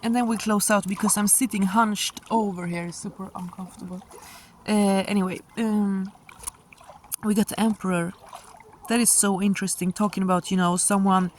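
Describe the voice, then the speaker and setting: Casting: female tarot reader, casual and halting, musing delivery, mid pitch, recorded outdoors with light water noise. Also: fairly even intonation. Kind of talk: casual spoken tarot reading. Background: sound of moving water.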